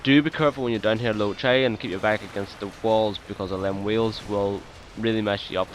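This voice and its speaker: A man giving casual gameplay commentary as a let's play host, relaxed and chatty, with many ums and uhs. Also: fairly low pitch, fairly quick, slight background noise. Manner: hesitant, full of ums and uhs.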